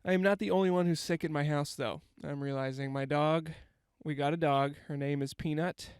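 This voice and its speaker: Congested young male podcast host, a little high and smooth, rambling and self-deprecating. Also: steady tone, a little fast, no room sound. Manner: rambling, self-mocking jokes. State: stuffy, congested from a cold. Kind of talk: casual comedic monologue. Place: inside a parked van. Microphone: handheld microphone.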